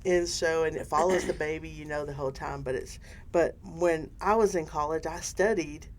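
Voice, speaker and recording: An older woman co-hosting a casual faith discussion, animated and rambling, often restarting her sentences. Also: sits low, normal speed. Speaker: podcast co-host.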